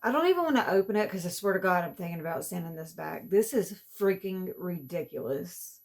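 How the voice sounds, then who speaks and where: A woman's voice: on the low side, lively intonation, fairly quick. A woman vlogger, chatting casually through an unboxing, exasperated and complaining as she goes. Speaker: beauty vlogger.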